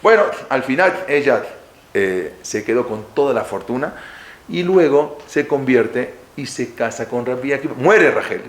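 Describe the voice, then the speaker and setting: A man teaching a Talmud story, acting out the dialogue with sudden rises in his voice. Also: unhurried. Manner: animated storyteller, acts out dialogue with pitch jumps. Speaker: religious teacher. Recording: echoey room with faint ambience.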